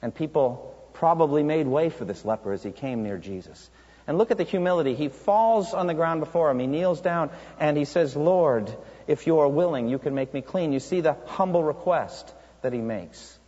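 A man with a rather high, mellow voice preaches animatedly at an ordinary speed. He tells his sermon as a heartfelt story and poses rhetorical questions to the congregation, all captured in a muffled, reverberant church hall.

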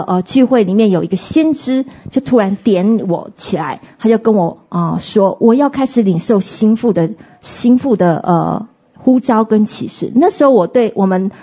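Husky-voiced woman giving a faith testimony. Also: medium pitch, warm tone, muffled recording. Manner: earnest, halting storytelling with many restarts.

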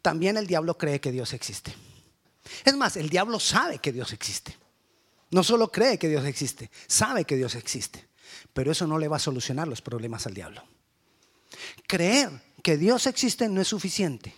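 High-voiced fervent male preacher. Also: big pitch swings, moderate pace, a bit bright, husky. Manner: fervent, repetitive preaching with rhetorical questions. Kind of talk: sermon.

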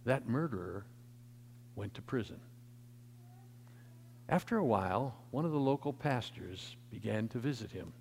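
A man preaching a sermon, his emphatic delivery swelling louder and then dropping soft. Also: mid-range voice, expressive, a little slow, vocal fry, long pauses, slight background noise. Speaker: pastor. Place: church sanctuary. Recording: long church reverb.

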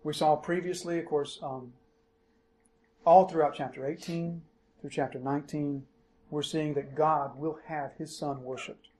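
A middle-aged male pastor preaching with a fairly high voice, his pitch climbing on quoted verses before settling back. He explains the text steadily and leans hard on key words. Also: steady tone, unhurried, a little mellow. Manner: expository preaching, rising emphatically on quoted verses. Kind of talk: sermon.

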